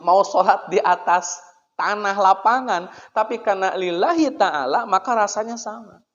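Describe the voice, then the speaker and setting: Chatty male preacher in an echoey hall. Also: a little high. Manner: chatty, poses rhetorical questions, keeps addressing listeners as sir. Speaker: Islamic preacher. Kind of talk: conversational religious lecture. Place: prayer room. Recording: echoey hall, dull lo-fi sound.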